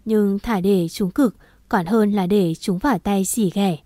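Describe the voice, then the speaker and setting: Mellow woman. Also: medium pitch, measured pace, no room sound. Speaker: narrator. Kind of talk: first-person story reading.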